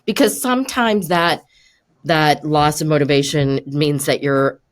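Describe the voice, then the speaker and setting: A woman's voice: low voice, a little slow. Older woman, podcast coach, encouraging and chatty, laughs through her points. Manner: encouraging, laughs often mid-sentence. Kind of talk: conversational coaching chat.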